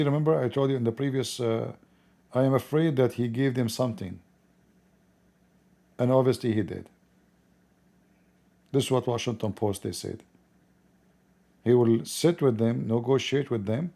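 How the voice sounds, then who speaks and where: A man with an Arabic accent, a native Arabic speaker, giving blunt, informal political commentary in halting, repetitive non-native English. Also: medium pitch, gravelly, dark tone. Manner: blunt, opinionated.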